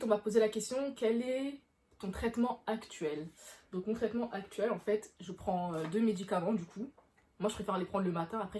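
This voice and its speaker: Talking informally to camera, a woman vlogger answers questions and explains things, often rephrasing herself along the way. Her voice sits on the low side with a dark tone, and there's a little hiss or hum.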